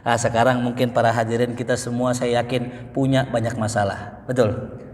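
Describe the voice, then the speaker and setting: A man's voice: normal speed, a little hiss or hum. A man preaching at a mosque study circle, telling stories with big swings in tone and casual asides to the congregation. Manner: lively storytelling, sweeping pitch swings, colloquial asides to the congregation. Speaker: Islamic preacher. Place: mosque hall. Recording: echoey mosque hall with long reverb.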